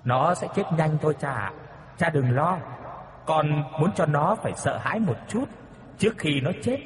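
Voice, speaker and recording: A man's voice: a little high, lively intonation, normal speed, reverberant, in a large hall, natural voice. A man voicing a cruel ghost boy who wheedles in a childish way, in a ghost story. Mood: wheedling.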